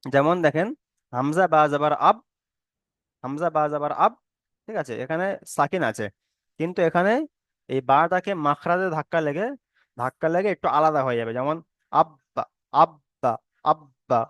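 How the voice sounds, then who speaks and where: A man leads an online Quran reading lesson, patient and repetitive, sounding each letter out slowly. His voice is smooth and clear, a touch higher than most men's. The sound is dry and close, with no room around it. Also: fairly bright tone, no echo. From Bengal. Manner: often checks in with listeners.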